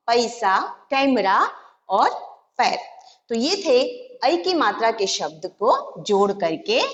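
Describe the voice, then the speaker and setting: Slow, patient woman teaching children. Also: fairly high pitch. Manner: patient, spells out sounds syllable by syllable. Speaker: primary school Hindi teacher. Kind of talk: slow classroom lesson for young children. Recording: dull lo-fi recording with long hall reverb.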